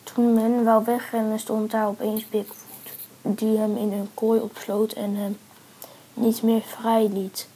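A woman telling an invented story aloud in simple, halting sentences, breathy and often whispery. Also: fairly high pitch, monotone, mellow.

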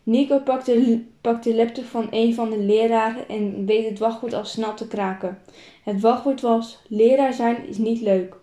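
Woman reading her own story, highish and mellow, a few stumbles and restarts, echoey room. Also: fairly even intonation, normal speed. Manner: plain reading with small repeats and restarts. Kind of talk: reading a self-written story aloud.

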